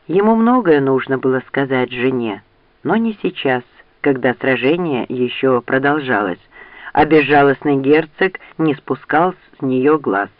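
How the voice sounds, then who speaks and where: A man narrating an audiobook novel in steady storytelling style. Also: mid-range voice, unhurried, no echo, phone-quality sound. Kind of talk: scripted narration.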